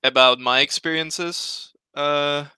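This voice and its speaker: A young native Slovak speaker from Slovakia joins a casual online panel as a guest from a room at home, talking earnestly on a headset. He is hesitant, with many fillers and restarts, in a voice on the high side that is pushed and bright, fairly even in intonation and slow. The tone is clean with no room sound.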